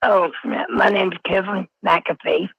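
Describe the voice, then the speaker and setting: A man phones in to a live show, his voice disguised by a pitch-shifting voice changer. It comes out heavily gravelly and husky, and he stammers and repeats himself. The call is played back dull and muffled, with a dry close sound. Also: flat delivery, unhurried, a bit bright, no echo. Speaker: caller.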